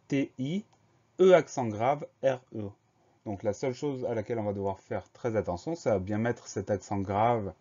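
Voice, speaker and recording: A man teaching a French spelling lesson, slowly spelling each word letter by letter and explaining the grammar. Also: on the low side, warm tone, lo-fi sound. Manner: slow, methodical, spells words letter by letter.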